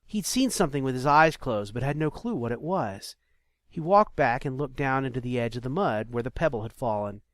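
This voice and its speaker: A man reading an audiobook chapter in a steady, measured storytelling manner. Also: mid-range voice, no echo, studio quality. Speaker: narrator. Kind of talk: scripted audiobook narration.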